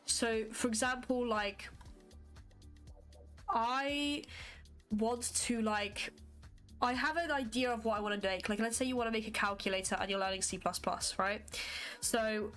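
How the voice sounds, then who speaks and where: This livestreamer, a non-native English speaker, talks casually to viewers as she codes a graphics engine, thinking aloud and using lots of fillers. She has a slightly high, somewhat bright voice, a measured pace with long pauses, and soft background music.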